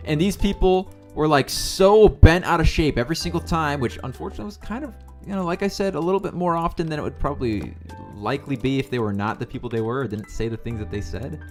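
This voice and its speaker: A man's voice: fast talker, soft background music. A man streaming a building game, telling rambling stories in a loose, casual way and often correcting himself mid-sentence. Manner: rambling, self-correcting, swings into high mimicry. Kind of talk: casual storytelling while playing.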